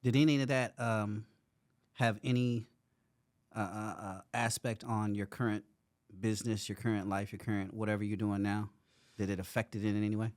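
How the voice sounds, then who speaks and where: A man's voice: fairly low pitch, flat delivery, normal speed, darkish tone, no echo. A man hosting a podcast, asking questions casually with lots of hesitant fillers. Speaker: podcast host. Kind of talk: casual conversation.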